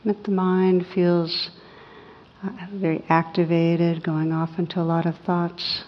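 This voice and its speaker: A woman teaching meditation, guiding softly paced practice in a soothing, unhurried manner with long pauses between short phrases. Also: fairly low pitch, flat delivery. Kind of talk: guided meditation. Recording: muffled, reverberant hall recording.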